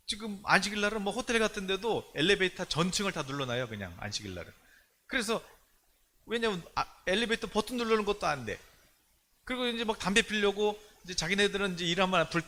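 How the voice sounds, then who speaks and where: A man preaching a sermon as pastor at a prayer meeting in a church. He talks animatedly, asks many rhetorical questions, and swings from loud to hushed. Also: high voice, lively intonation, fairly quick, a little hiss or hum. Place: church, streamed online service.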